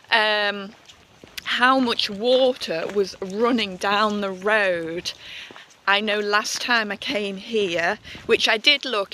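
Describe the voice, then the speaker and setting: A woman's voice: medium pitch, sharp tone, slight background noise. A woman vlogging on her own as she walks a wet mountain path, chatty and self-deprecating, laughing often. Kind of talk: casual solo hiking vlog.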